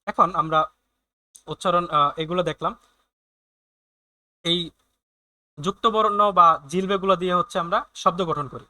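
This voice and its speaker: A man's voice: sits high, moderate pace, long pauses, sharp tone. A man teaching a German lesson online, explaining letter sounds patiently with many hesitant fillers and restarts.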